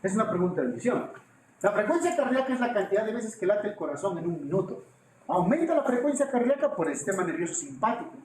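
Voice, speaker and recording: Lively, high-voiced man teaching anatomy. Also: fast talker, a little hiss or hum. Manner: lively, quizzes students with rhetorical questions. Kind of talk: classroom lecture with jokes. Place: classroom. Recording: echoey classroom with faint ambience.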